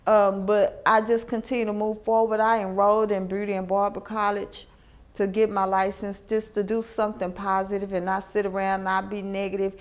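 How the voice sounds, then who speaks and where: A woman's voice: mid-range voice, flat delivery, normal speed. A woman giving a heartfelt personal testimony as a radio guest, telling her story plainly with fillers.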